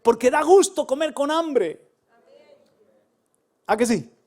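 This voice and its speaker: A middle-aged male pastor with a Spain Spanish accent preaching a sermon, swinging from loud calls to soft asides and laughing at his own stories. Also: very high voice, animated, slow.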